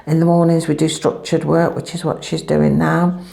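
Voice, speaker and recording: A woman's voice: low-pitched, little pitch movement, normal speed, gravelly, mellow. A woman, rambling chattily in a casual family vlog, her voice echoing in an empty room at home through a clip-on microphone. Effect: echoey empty room. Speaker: family vlogger.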